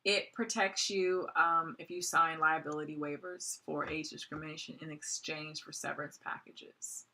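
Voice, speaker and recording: A woman's voice: deep voice, level tone, normal speed, hardly any pauses, bright, forceful tone. A woman in her forties giving a recorded course lecture in a conversational way, with many "um" fillers. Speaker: college lecturer.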